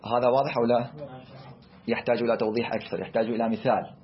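A man with an Iraqi accent teaches in a classroom. He speaks deliberately at a middle pitch and keeps asking questions that he then answers himself. The recording sounds slightly dull, with a faint noise underneath. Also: fairly even intonation. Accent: Iraqi Arabic. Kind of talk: classroom lecture.

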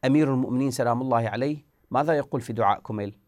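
A man's voice: medium pitch, racing, a little mellow, no echo, clean studio sound. A man teaching a Quran recitation lesson. He asks questions and answers them himself, and sounds out letters to demonstrate.

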